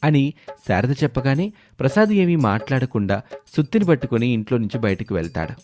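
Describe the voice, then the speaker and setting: A man narrating a family story in a steady, measured way. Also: medium pitch, faint music behind.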